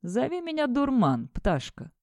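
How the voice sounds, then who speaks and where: A woman voicing a mocking, sadistic male kidnapper who taunts in a sing-song, drawn-out way. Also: a little high, wildly swooping pitch, a little mellow, no echo, studio quality, pitched above the performer's own voice, full character voice. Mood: smug.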